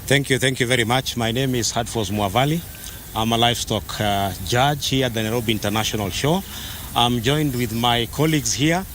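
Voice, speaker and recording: A man with a Kenyan accent explaining his judging work in a live interview, hesitant and deliberate. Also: medium pitch, a bit bright, a little hiss or hum. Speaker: livestock judge being interviewed.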